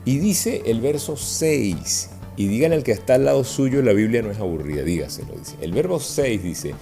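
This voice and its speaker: Faint music sits behind a preacher whose mid-range voice is creaky and moderately paced. He addresses his congregation with animation, stopping to ask them questions and check in along the way.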